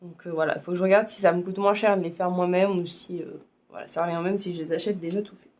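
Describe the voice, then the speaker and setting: A hoarse woman from France chats casually to her viewers in a slightly low voice, her throat sore. She hesitates often and fills her pauses with ums. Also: fairly even intonation, a little mellow. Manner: hesitant, many fillers. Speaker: vlogger. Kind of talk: casual chat.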